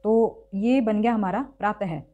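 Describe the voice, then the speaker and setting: In a mellow, steady voice of medium pitch, a woman teaches grammar as if in a classroom. She goes through sounds one by one, slowly repeating them with patience to demonstrate pronunciation.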